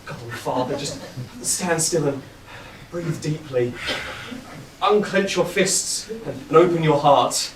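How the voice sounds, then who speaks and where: A man's voice: on the high side, takes it slowly, pauses often, a little hiss or hum. A man playing Charles, a dreamy romantic poet son. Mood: earnest. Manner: earnest, lofty, flowery. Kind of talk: amateur stage farce acting. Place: theatre stage. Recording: echoey stage recording from far off.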